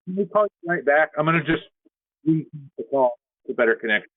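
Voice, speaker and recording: A man hosting a call-in show, talking in a calm, reassuring way to a caller while his voice comes through a thin speakerphone-like sound. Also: on the high side, brisk, no echo. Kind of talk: casual call-in talk. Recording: tinny, dry phone-like line.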